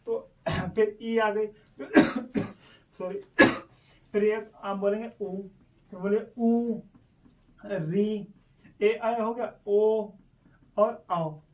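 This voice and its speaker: Hindi teacher drilling vowel sounds. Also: male voice, high-pitched, very slow, long pauses, recorded from a distance. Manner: explains step by step, asks and answers his own questions. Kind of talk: online exam-prep lesson.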